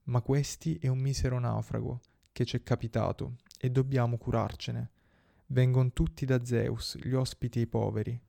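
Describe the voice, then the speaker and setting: A man voicing a gracious and commanding young princess, in a solemn, measured recitation. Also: medium pitch, flat delivery, gravelly, warm tone.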